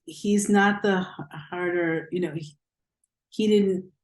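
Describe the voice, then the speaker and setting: A woman's voice: fairly low pitch, steady tone, takes it slowly. A woman author answering a reader's question in a thoughtful way, searching for her words. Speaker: author and rabbi. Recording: echoey room.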